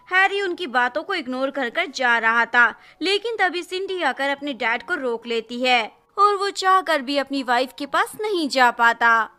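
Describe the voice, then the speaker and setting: A woman narrating a drama recap in a brisk, plain storytelling style, mixing English words into Hindi. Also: sits high, pushed and bright.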